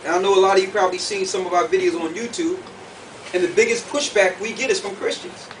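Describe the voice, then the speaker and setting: In a conference room full of listeners, a man with a high voice preaches quickly, his intonation fairly even as he hammers points home through repetition and direct questions to the crowd. The emphatic sermon is picked up by a distant microphone, and clear background noise sits beneath it.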